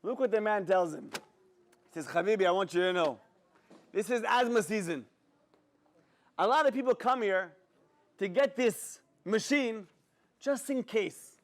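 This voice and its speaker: High-voiced rabbi preaching animatedly. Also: male voice, a little slow, pauses often. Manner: animated storyteller, acts out dialogue, addresses audience directly. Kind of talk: sermon.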